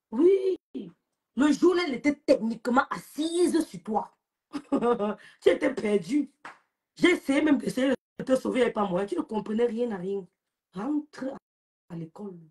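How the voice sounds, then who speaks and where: Hosting a social media live, this young woman speaks with a Cameroonian French accent as she scolds and ridicules a rival in a taunting rant. Her voice sits on the high side, husky with a darkish tone.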